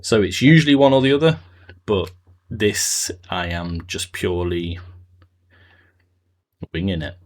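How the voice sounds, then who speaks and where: This man has a deep, lively voice and speaks a little slowly, leaving long pauses. He's streaming a building game, rambling as he thinks aloud, trailing off, and answering his chat casually.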